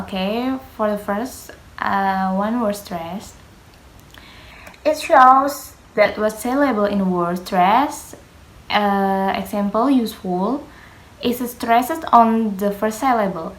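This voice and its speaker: A young adult female student presents a pronunciation lesson slowly and hesitantly, often pausing for fillers. Indonesian is her first language, and her English shows small grammar slips. Her middle-pitched voice is heard in an echoey room.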